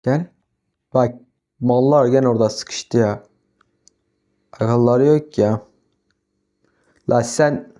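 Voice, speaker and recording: A man's voice: medium pitch, slow, long pauses. A young man casually commenting as he plays a farming game, talking to himself and flaring into exasperated outbursts. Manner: talks to himself, flares into exasperated yelling at the animals. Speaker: gaming YouTuber. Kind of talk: casual Minecraft let's-play commentary.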